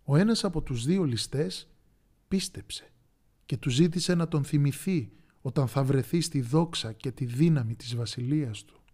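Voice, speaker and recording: A man narrating a Bible story in a slow, dramatic way, with pauses and the odd whisper. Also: mid-range voice, warm tone.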